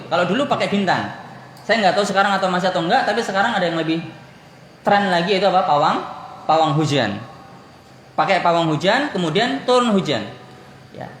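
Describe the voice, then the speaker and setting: A man from Indonesia teaching an Islamic study lesson, asking his listeners questions and answering them himself, telling anecdotes with light laughter. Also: high-pitched. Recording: echoey room with faint background noise.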